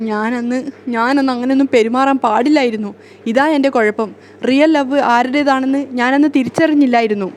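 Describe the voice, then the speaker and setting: A woman's voice: high voice, fairly quick, a little mellow, natural voice. A woman voicing an indignant young wife. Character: anxious jealous young wife, sharp-tongued.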